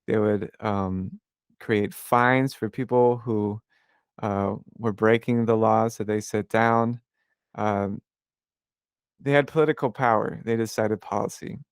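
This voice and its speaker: This podcast host talks through history in an easygoing, meandering way, often stopping to restart or using filler words. He speaks slowly in a lowish, steady voice with a clean tone, recorded without any room sound.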